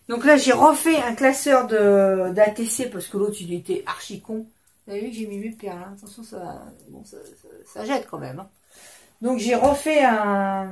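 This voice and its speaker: A woman's voice: medium pitch, darkish tone. Woman, 50s, vlog host; loose, rambling casual chat from a home desk. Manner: rambling, chatty, self-interrupting. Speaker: craft channel host.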